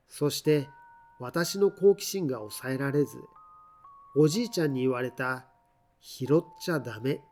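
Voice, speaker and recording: A man reading a scripted ghost story aloud in a measured, deliberate storytelling manner, with drawn-out phrases. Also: mid-range voice, darkish tone.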